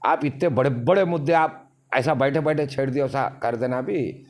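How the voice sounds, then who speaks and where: Talking casually as an interview guest, this man, a party leader, gives emphatic, meandering explanations. He has a medium pitch, a moderate pace, and a darkish tone.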